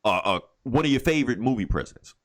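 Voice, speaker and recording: A man from the United States hosts a casual comic book podcast, telling stories in a joking, profane way. He talks fast in an expressive, medium-pitched voice.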